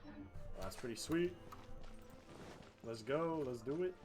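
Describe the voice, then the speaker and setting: A game streamer gives casual live commentary, thinking aloud and swearing freely in an animated, medium-pitched voice while taking his time. Game music plays behind him.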